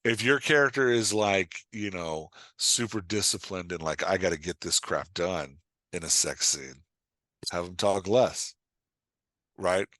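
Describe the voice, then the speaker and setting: Low-voiced and unhurried, with a sharp tone and no echo, a writing coach talks casually as a guest on a podcast. He drives his advice home emphatically, plays out imagined dialogue, and keeps asking "right?".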